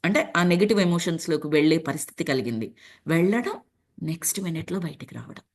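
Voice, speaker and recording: A woman's voice: low voice, expressive, fast. A woman speaking in a casual, conversational way to a meditation group. She retells a film scene and mixes English words into her speech. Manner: addresses listeners as masters.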